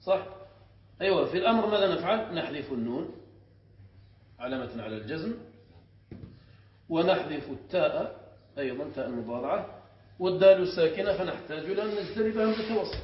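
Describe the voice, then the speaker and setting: Male sheikh teacher, high voice, quizzes his class as he explains, echoey room recording. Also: animated. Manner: explains step by step and often checks the class with quick questions. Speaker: sheikh teaching Arabic morphology. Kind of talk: classroom lesson. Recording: echoey room, muffled sound, faint hiss.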